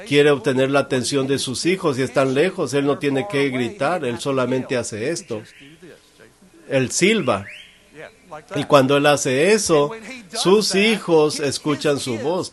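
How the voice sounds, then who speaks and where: A man delivering a sermon in translation, earnest and questioning, with repeated rhetorical questions. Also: medium pitch. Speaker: church interpreter.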